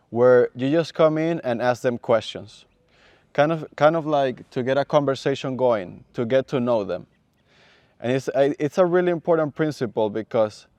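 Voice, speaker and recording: Man, from Venezuela, seminarian, measured, smooth voice, dry recording. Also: medium pitch, darkish tone, no echo. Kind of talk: casual explanation.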